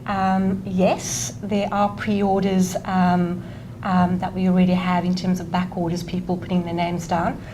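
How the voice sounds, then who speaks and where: A woman answering interview questions as a retail guest, measured and often hesitating with fillers. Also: fairly low pitch, completely flat delivery, warm tone, poor audio. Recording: noticeable background noise.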